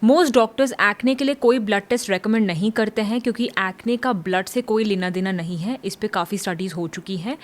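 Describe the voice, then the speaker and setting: A woman dermatologist explaining skin care calmly, giving advice and mixing in English medical terms. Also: medium pitch, moderate pace, hardly any pauses. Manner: calm, advisory, mixes English terms.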